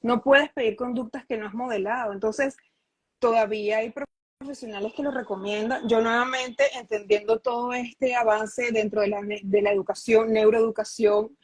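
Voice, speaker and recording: Earnest husky-voiced woman explaining. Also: a little high, normal speed, no room sound, low-quality recording. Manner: earnest, explanatory, frequent restarts and rhetorical questions. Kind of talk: conversational interview.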